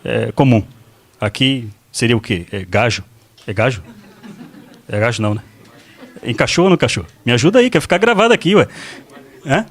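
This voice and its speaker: A man's voice: mid-range voice, expressive, moderate pace, long pauses, slightly rough. A Brazilian man preaching a storytelling sermon in church, chatting directly with the congregation. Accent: Brazilian Portuguese. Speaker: pastor.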